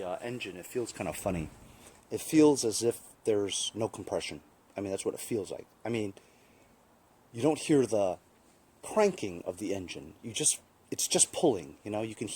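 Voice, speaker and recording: A man's voice: on the low side, expressive, normal speed, mellow, slightly rough. A middle-aged man hosting a casual repair video in a sunny backyard, explaining each step in a chatty way and often asking "right?". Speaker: small-engine repair video host. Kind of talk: casual hands-on repair walkthrough. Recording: outdoor background noise.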